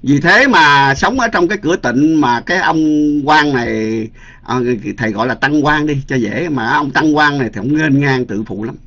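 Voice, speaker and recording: A man's voice: fairly high pitch, normal speed, bright, forceful tone. A man, a Buddhist monk teacher telling a story in a dharma talk, chatty, with many fillers and repeated words. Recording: dull lo-fi recording.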